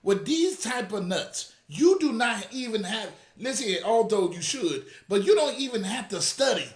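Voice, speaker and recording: A man's voice: sits high, animated, normal speed, echoey room. A man hosting a religious commentary show, fiery and scolding, calling out to his audience directly. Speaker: apostle and show host. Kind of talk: reaction commentary.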